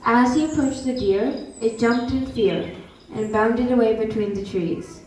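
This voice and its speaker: A woman's voice: on the high side, a little slow, darkish tone, a little hiss or hum. Woman narrator, distant and echoey. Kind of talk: scripted storytelling narration for a stage dance drama. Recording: echoey hall from far off, music behind.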